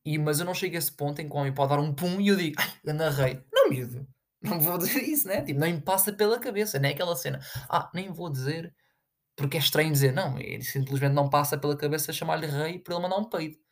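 A man's voice: a little high, fast. A young man with a European Portuguese accent, ranting casually to his viewers in a rambling, sarcastic way full of fillers. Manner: sarcastic, with big jumps into mocking voices. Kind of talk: casual rant to camera.

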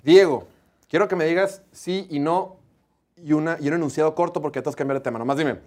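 A man's voice: on the high side, fast talker. A man with a Mexican accent hosting a casual sports talk in slangy language. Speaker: sports show host.

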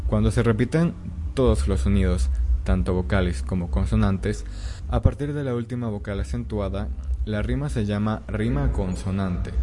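Man, mellow tone, scripted lesson narration, measured, explanatory. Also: fairly low pitch, slight background noise. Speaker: teacher.

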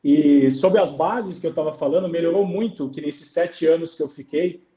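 A Brazilian man, a goalkeeper coach, recounting his experiences in a relaxed interview, acting out dialogue as he tells stories. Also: on the high side, moderate pace, reverberant, poor audio. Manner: storytelling, acts out dialogue. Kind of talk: conversational interview on a live stream.

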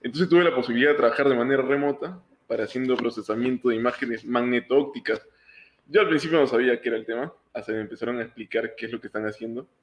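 A man's voice: mid-range voice, fast, a little hiss or hum. Young Honduran man on an echoey call. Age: 20s. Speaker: guest, engineering student. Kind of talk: casual interview answers. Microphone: remote call.

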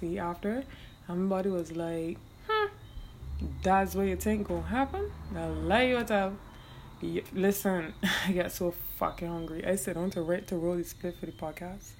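Young Bajan woman, podcast host, low gravelly voice, loose and profane with easy laughs, faint room noise behind. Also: normal speed, a little mellow. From Barbados. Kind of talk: casual solo podcast chat.

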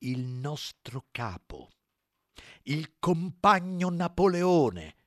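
A man voicing a sly male pig propagandist who talks shrill and insistent. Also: animated, normal speed, fairly bright tone, no echo, studio quality. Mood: solemn. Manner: shrill, emphatic, wheedling preaching.

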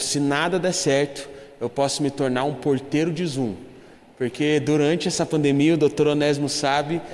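A man's voice: fairly high pitch, reverberant, big-room sound. Young Brazilian man telling a church story. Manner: storytelling, addressing the congregation as brothers. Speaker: church speaker. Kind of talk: humorous church testimony.

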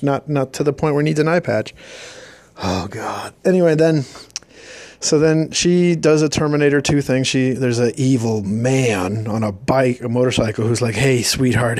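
A man's voice: medium pitch, a little mellow, no echo. A man giving a sarcastic, rambling recap of a movie's plot in a casual, mocking tone. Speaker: movie reviewer.

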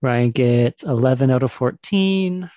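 A man's voice: medium pitch, lively intonation, a little slow, dark tone, dry recording. A man co-hosting a podcast and running a quiz game, chatty and enthusiastic, laughing often. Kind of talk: casual chat.

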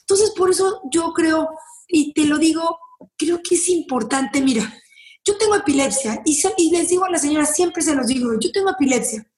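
Mexican woman guest, high voice, blunt and swears freely, echoey room. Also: moderate pace, a little mellow. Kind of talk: candid interview talk.

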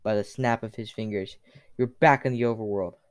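A man's voice: fairly low pitch, fairly even intonation, brisk. A man telling a second-person story in a casual, unscripted way, with fillers.

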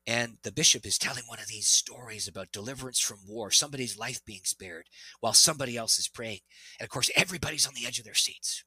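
A middle-aged man, a pastor and interview guest, telling an earnest, animated testimony. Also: mid-range voice, fast, husky, dry recording, poor audio. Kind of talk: interview storytelling.

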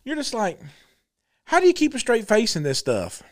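Animated, high-voiced male storyteller. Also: moderate pace. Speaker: podcast co-host. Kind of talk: casual storytelling chat.

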